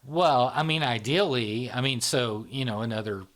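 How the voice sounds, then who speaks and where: A podcast host with a mid-range, fairly bright voice talks at a normal speed. He explains ideas in a loose, rambling chat full of fillers and tag questions.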